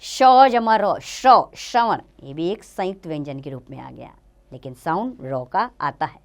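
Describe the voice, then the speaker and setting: A woman teacher giving a grammar lesson to children, slowly sounding out letters one by one. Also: low-pitched, expressive.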